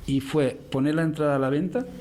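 A man who runs a theatre appears as a guest in a casual radio interview, rambling and hesitant, repeating words and restarting often. His voice is a little high with a darkish tone, and he talks fast.

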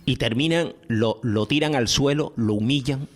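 A man's voice: mid-range voice, moderate pace. A man hosting a heated studio discussion, impassioned and emphatic, repeating phrases for effect.

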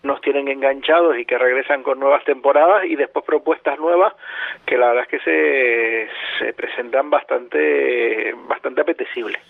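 A man's voice: mid-range voice, moderate pace, creaky, no room sound. A man calling in over a landline phone as a film and series critic on a radio show, talking hesitantly and often repeating words. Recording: muffled lo-fi phone line.

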